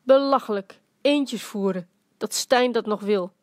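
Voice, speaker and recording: A woman's voice: fairly high pitch, a little slow, a little mellow, no room sound, clean studio sound, natural voice. Stern old great-aunt, snappish and indignant, storybook; woman reader voicing her.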